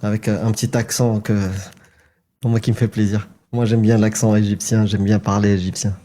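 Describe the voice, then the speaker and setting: A man co-hosting a casual live stream, friendly and halting, with many fillers. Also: on the low side, flat delivery, warm tone.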